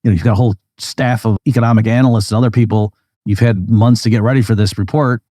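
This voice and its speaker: A man's voice: fairly low pitch, fairly even intonation, fast talker, mellow, dry recording, clean studio sound. A man hosting a podcast, making his case in a loose, conversational explanatory monologue and often stopping to fill in with "like" and "you know.". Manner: conversational, acts out hypothetical back-and-forth arguments. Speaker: podcast host.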